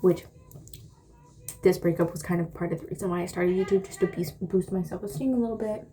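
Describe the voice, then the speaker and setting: A woman's voice: fairly low pitch, steady tone, brisk, warm tone, a little hiss or hum. A woman vlogger chatting casually through a storytime while doing her makeup. She exclaims often and keeps slipping into whispers.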